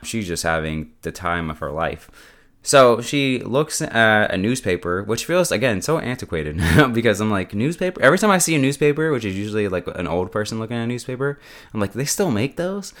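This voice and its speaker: Man, deep low voice, casual episode recap, rambling, lots of "like", quick character impressions. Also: animated, a bit bright. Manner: rambling, heavy use of "like", laughs while telling; jumps into voices of the characters he quotes. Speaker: show reviewer.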